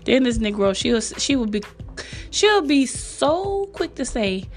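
A woman's voice: on the high side, lively intonation, a little slow, over music. A woman hosting a podcast in casual motivational chat, teasing her co-worker and laughing often, speaking. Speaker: podcast host.

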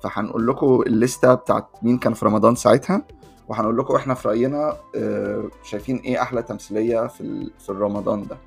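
A man's voice: lowish voice, fairly even intonation, racing, gravelly, slightly rough, faint music behind. A man with an Egyptian Arabic accent, chatting casually as a podcast co-host with a friend. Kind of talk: casual chat between friends.

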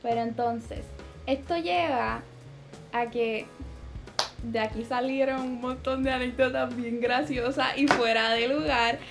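A woman's voice: fairly high pitch, a little slow, gravelly, music in the background. A young woman co-hosting a casual podcast, speaking Spanish sprinkled with English slang. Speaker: podcast co-host. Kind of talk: casual chat.

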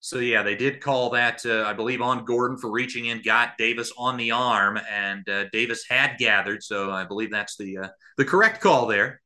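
Medium in pitch, bright and forceful, this man talks at a moderate pace with few pauses. As a radio play-by-play announcer for live basketball, he describes the action in brief present-tense phrases and weighs in with analysis.

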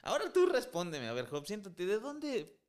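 A man's voice: sits high, huge pitch swings, normal speed, pitched above the performer's own voice. A man voicing God as a mocking male figure who fires sarcastic questions at a man.

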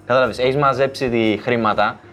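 A man's voice: mid-range voice, fairly even intonation, a bit bright, soft background music. A young man explaining his view in a laid-back way during a casual chat among friends.

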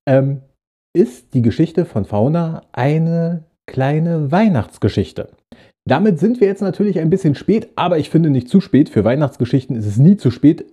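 A man hosting a short-story podcast, narrating a Christmas tale in a gentle, friendly way. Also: medium pitch, slightly rough. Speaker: podcast host reading short stories.

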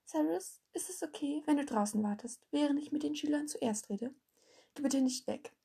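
A woman's voice: sits high, moderate pace, creaky, mellow, voice pushed up. A woman voicing a strict older woman professor who speaks carefully and tries to stay fair. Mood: measured.

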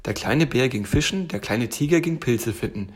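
A man reading a bedtime story aloud in a gentle storytelling manner. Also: mid-range voice, animated, normal speed, slightly rough. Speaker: story reader.

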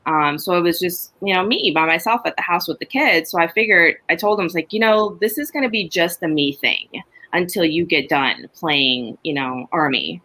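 Her voice is fairly low and moves at a normal speed. This middle-aged woman from Honduras is a farmer on a podcast, laughing through lively, talkative stories about her farm in a relaxed conversation.

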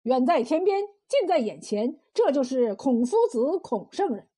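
Woman playing a hot-tempered young disciple, loud bluster, husky edge. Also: sits high, very animated, moderate pace, heavily acted. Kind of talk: storytelling role voice.

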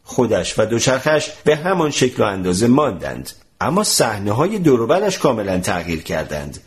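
Male narrator, storybook reading, animated, wide lively pitch.

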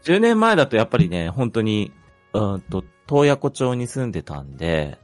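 A man's voice: on the low side, big pitch swings, moderate pace, soft background music. A man chatting casually about his own life as a panelist, polite and a little hesitant, thinking aloud. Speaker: panelist on a hobby talk show.

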